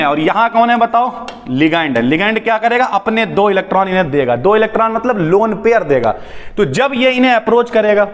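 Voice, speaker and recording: ऊँची आवाज़ वाला बातूनी केमिस्ट्री टीचर, गूंजते हॉल में. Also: male voice, sits high. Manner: chatty, jokey, calls students brother. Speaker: chemistry teacher. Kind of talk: casual explaining lecture. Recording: long hall reverb.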